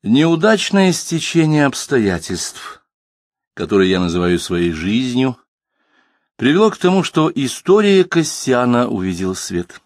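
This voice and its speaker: A man narrating a literary audiobook in a measured, expressive reading voice. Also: mid-range voice, no room sound, studio quality.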